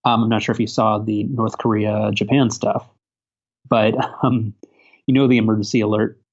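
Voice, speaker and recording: A man co-hosting a casual podcast in a hesitant, halting way, repeating words, over a low-quality internet call. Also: little pitch movement, a little mellow, husky, highs cut off. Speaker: podcast co-host. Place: hotel room, remote call.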